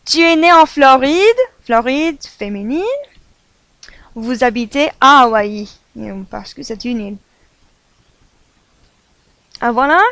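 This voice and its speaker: Woman, French teacher, slightly high voice, dry close sound, patient explainer who repeats examples. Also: takes it slowly, pauses often, a bit bright, no echo. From United States. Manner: patient, repeats examples, fills with "voilà" and "euh". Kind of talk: French grammar lesson.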